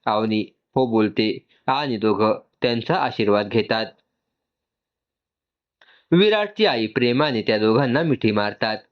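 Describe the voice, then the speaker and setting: Male narrator, even and calm storyteller, muffled recording. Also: mid-range voice, measured pace, pauses often. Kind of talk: scripted narration.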